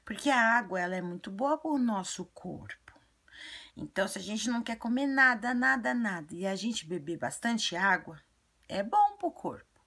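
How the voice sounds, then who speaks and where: A woman voicing an earnest, chatty little girl who tells childlike stories and gives advice in a breathy, often half-whispered voice. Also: mid-range voice, animated, normal speed, a bit bright. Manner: childlike storytelling, repetitive. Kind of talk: video monologue in character.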